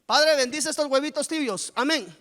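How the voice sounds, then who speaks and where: A man's voice: very high-pitched, normal speed, bright, forceful tone, pitched above the performer's own voice. A man voicing a lazy churchgoer who rattles off short rote blessings over his meals, in a reverberant church hall. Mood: mocking. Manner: singsong, rote praying. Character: lazy churchgoer mumbling quick mealtime prayers.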